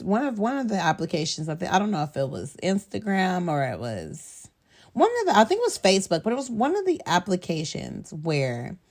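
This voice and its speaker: A woman hosting a podcast, telling a personal story in a casual, candid way, animated and often laughing. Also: fairly low pitch. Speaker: podcast host.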